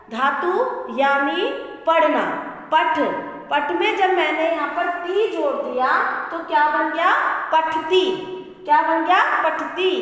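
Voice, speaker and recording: A woman teacher with a high voice leads a slow, patient lesson, repeating forms and asking questions as she goes. Her voice rings in a room with strong echo and a long reverb tail. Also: a bit bright. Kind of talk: classroom lesson.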